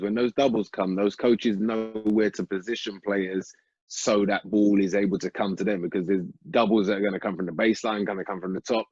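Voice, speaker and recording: Husky man, dry lo-fi podcast. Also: on the low side, darkish tone, no room sound. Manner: chatty, interjecting, says "mate". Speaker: podcast panelist. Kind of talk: casual sports chat. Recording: dry dull lo-fi sound.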